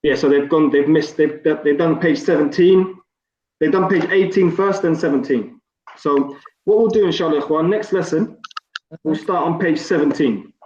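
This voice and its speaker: A fairly high-voiced man teaches an online Arabic class and walks students patiently through each point. His voice sits in an echoey room and the sound is slightly dull. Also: normal speed, darkish tone, a little hiss or hum. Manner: patient, encouraging, explains step by step.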